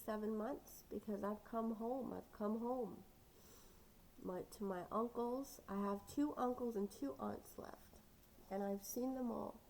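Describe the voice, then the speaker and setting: Woman, higher-pitched, gravelly, earnest heartfelt vlog monologue, speaks straight to viewers. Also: dark tone, slight background noise. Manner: earnest, emphatic, addresses viewers directly. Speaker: vlogger giving acting advice. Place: lying down at home.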